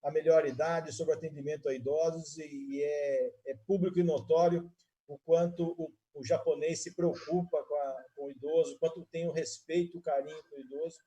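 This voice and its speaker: Guy hosting a live stream, fairly high voice, chatty, lots of restarts. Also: fairly even intonation, a little fast, dark tone. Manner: friendly, talks in long runs with restarts. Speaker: host.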